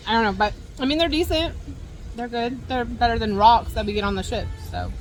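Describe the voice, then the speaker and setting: A woman's voice: a little high, lively intonation, a little fast, slight background noise. A woman chatting casually in a travel vlog, reviewing food outdoors and talking with her mouth full. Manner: chatty, talks while eating, laughs often. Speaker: travel vlogger. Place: outdoors at a cruise line's island stop.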